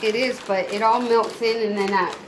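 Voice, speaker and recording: A woman's voice: on the high side, fairly even intonation, moderate pace. A woman casually showing how to make a meal in her home kitchen, talking viewers through each step. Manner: chatty, instructive, talks to viewers. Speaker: mom cooking on camera. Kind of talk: casual cooking demonstration. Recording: echoey kitchen with loud background noise. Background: child crying, household noise.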